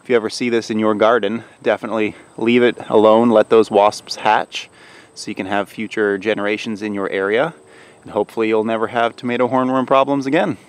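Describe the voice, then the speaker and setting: A man casually filming a vlog outdoors in his garden, explaining things in a relaxed way, with hesitations and self-corrections. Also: lowish voice, brisk. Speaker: gardening vlogger.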